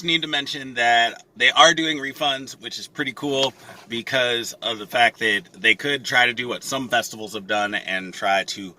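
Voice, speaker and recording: Guy doing a casual festival vlog, earnest and emphatic, bright punchy voice, really dry sound. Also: mid-range voice, dry recording. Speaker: music festival vlogger.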